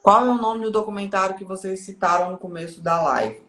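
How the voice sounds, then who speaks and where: A woman's voice: medium pitch, a little fast, a bit bright, roomy sound. A woman speaking as a guest on a live stream, explaining in a teaching way and often checking in with the listener.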